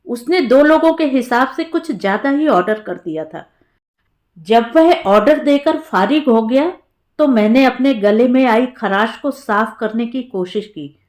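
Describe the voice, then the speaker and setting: A woman narrating a story in the first person, in a calm, reflective storytelling manner. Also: on the high side, unhurried.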